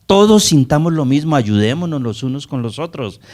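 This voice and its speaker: A man's voice: on the high side, sing-song, moderate pace, darkish tone. A man from Colombia preaching a Sunday Bible study sermon as pastor, asking the congregation rhetorical questions.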